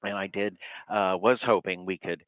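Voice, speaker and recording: Man phoning in to a county meeting; low, halting, courteous delivery through a thin, dry phone line. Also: fairly even intonation, no echo. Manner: halting and polite, often trailing off. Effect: speaking over the phone. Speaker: resident giving public comment. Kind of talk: public comment at a county meeting.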